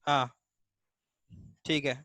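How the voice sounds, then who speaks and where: Bright-voiced male Hindi teacher. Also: very slow, no echo. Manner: explains step by step, often asking students questions; stretches vowel sounds to demonstrate them. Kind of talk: live online class lecture.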